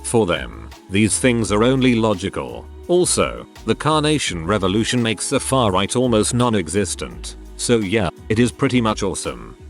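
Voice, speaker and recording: A man's voice: lowish voice, sing-song, normal speed, few pauses, soft background music. A man narrating a string of short online posts in a scripted reading voice. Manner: reads out short posts one after another.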